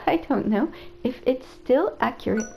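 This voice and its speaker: A polite robot AI caretaker frets over a human's safety, as a woman reads his lines from a video game. The voice sits a touch high with a gravelly fry running through it. Soft game music plays faintly underneath. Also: lively intonation, measured pace, low-quality recording. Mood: earnest. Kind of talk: reading game dialogue aloud.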